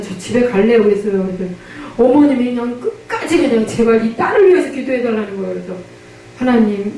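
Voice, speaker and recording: A woman's voice: a little high, dark tone, a little hiss or hum. A woman pastor preaching a sermon and telling a testimony, with emphatic questions and frequent amens. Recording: very echoey, from a distance.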